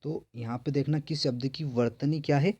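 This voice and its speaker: A man's voice: mid-range voice, fairly even intonation, normal speed, dark tone, breathy edge, lo-fi sound. A male teacher going through exam questions, asking each one aloud and then answering it himself. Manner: repetitive, quizzing himself and answering. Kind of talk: exam-prep lesson.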